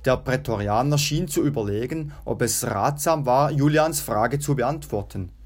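A man narrating a children's adventure audiobook in a steady, even storytelling voice. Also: medium pitch, normal speed.

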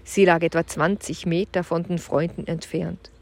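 A woman narrating a children's adventure audiobook with clear, even storytelling. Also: lowish voice, moderate pace.

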